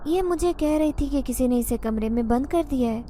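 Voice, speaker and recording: A woman voicing a worried middle-aged father who speaks loudly and firmly in a storybook narration. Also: high voice, a little hiss or hum, close to an everyday voice.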